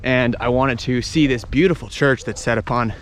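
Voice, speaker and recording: A man with a mid-range voice speaks at a normal pace. He's an outdoor travel vlogger, walking and explaining things in a chatty, informal, unscripted manner as he looks around.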